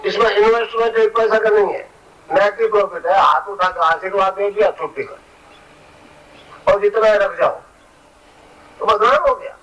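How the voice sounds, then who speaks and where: Very high, bright-voiced guru, heard from afar. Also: male voice, fairly even intonation, moderate pace, pauses often, far from the mic, rough recording. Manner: plain-spoken, emphatic, repeats phrases. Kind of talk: spiritual discourse.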